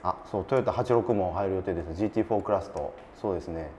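A man hosting a casual game stream, animated and laughing often, reading out viewer comments. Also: low-pitched, racing, lo-fi sound, slight background noise. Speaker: stream host.

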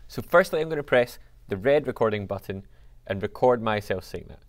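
A male music teacher giving an upbeat software tutorial. His pitch moves in a lively, animated way as he explains each step. He addresses his viewers directly and keeps things chatty. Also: fairly quick.

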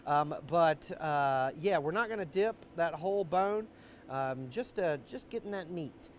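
A man's voice: on the high side, expressive, measured pace. A middle-aged American man hosting a live outdoor cooking show with jolly, hearty, folksy banter. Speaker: host, barbecue cook. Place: outdoor wooden deck. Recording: faint outdoor background noise.

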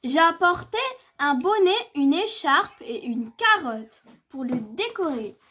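A woman voicing a gentle mother bear in a children's storybook, speaking warmly and softly. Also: high voice, expressive, slow pace, exaggerated voice.

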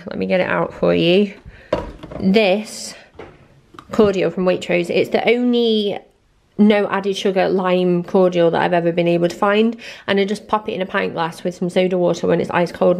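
A woman's voice: mid-range voice, creaky, darkish tone, a little hiss or hum. A young woman chatting through her grocery haul in a home kitchen, rambling and laughing at herself. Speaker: vlogger.

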